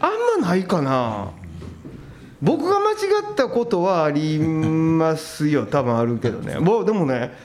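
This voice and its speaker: A man with a Kansai accent in casual chat, laughing often and nodding along with quick interjections. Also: on the high side, huge pitch swings, a little mellow. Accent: Kansai Japanese.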